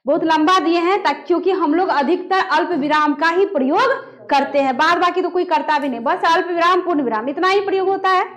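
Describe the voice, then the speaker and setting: A woman teaching a grammar lesson who asks questions and reads example sentences aloud with pauses. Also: very high-pitched, fairly bright tone. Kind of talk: classroom lesson.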